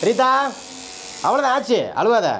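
A man with a Tamil Nadu accent chatting quickly in a family vlog at a salon, coaxing his small child. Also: extremely high pitch, fairly bright tone, a little hiss or hum. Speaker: family vlogger, father. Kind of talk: casual family vlog chat. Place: tattoo and beauty salon, indoors.

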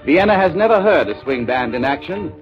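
A man's voice: fairly high pitch, lively intonation, fairly quick. A male announcer giving scripted promotional narration, heard as an old 1930s radio broadcast. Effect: old 1930s radio broadcast sound. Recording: dull lo-fi 1930s radio recording with music.

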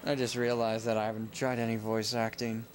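A young let's-play gamer with a medium-pitched, level, brisk voice gives casual commentary on the game he's playing. He rambles and often corrects himself mid-sentence, and the home recording has some noise.

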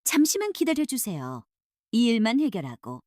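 A woman's voice: on the high side, huge pitch swings, normal speed, darkish tone, dry recording, clean studio sound. A woman voicing a composed young innkeeper who fights, speaking firmly and politely. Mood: calm resolve. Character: calm young woman innkeeper, martial artist.

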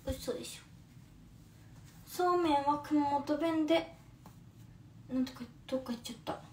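A woman's voice: sits high, normal speed, a little hiss or hum. A woman of twenty with a Kumamoto accent, chatting casually with viewers on a livestream and using lots of fillers. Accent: Kumamoto dialect. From Kumamoto, Japan. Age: 20s. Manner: chatty, friendly, with many fillers. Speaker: livestream host. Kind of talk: casual livestream chat reading comments. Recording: echoey room, phone held far off.

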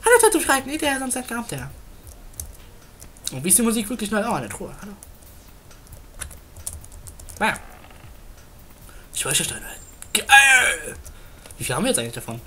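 A man with a bright, clear voice talks about a game in a relaxed, playful way. His pitch jumps around a lot, and he hums little tunes now and then. Faint keyboard typing can be heard in the background, and the microphone is on his desk. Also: moderate pace, pauses often, slight background noise. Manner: playful, chatty, hums and sings along. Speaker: Let's Play host. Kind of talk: casual gameplay commentary.

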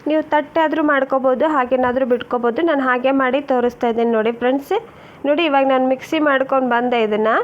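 Woman, slightly high voice, friendly chatty cooking-channel host; dull lo-fi home-kitchen recording. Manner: chatty, keeps calling viewers friends and urging them to look. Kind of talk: casual cooking demonstration. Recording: dull lo-fi sound with faint noise.

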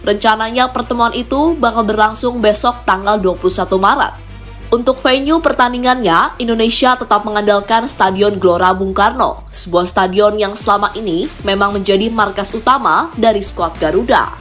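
A woman narrating a scripted sports news segment in an even, read-out delivery. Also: medium pitch, normal speed. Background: background music.

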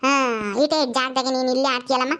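A woman's voice: sits high, flat delivery, quick pace, fairly bright tone, slight background noise. An older woman, talking casually in a home vlog, soothing and scolding a crying grandchild. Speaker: grandmother comforting a child.

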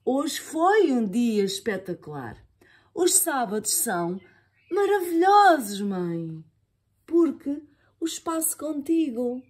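A woman voicing an excitable little girl, exclaiming dramatically in a storybook reading. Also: high voice, takes it slowly, breathy edge, pitched above the performer's own voice, exaggerated voice. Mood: tender.

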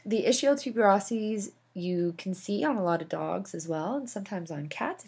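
A woman's voice: on the low side, vocal fry, a little mellow, breathy edge. A woman instructor explaining anatomy over slides, with casual asides and fillers. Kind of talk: recorded slideshow lecture.

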